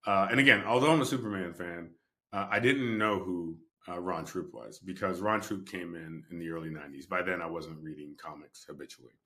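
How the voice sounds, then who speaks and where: A male actor in an interview, telling an animated anecdote and acting out both sides of the conversations. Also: sits low, fairly quick. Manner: lively storyteller, acts out both sides of conversations.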